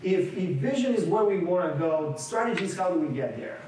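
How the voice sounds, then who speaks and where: A Bulgarian workshop leader in his forties runs an interactive seminar lecture, talking conversationally with frequent restarts and questions to the room. His voice is high, animated and brisk with a darkish tone, and there's slight background noise. He's recorded from far off in a large, echoey meeting room.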